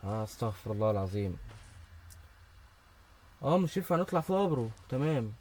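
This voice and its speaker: A young man with an Egyptian Arabic accent, giving rapid, excitable let's-play commentary on a horror game with nervous exclamations. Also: mid-range voice, a little hiss or hum. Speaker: gaming YouTuber.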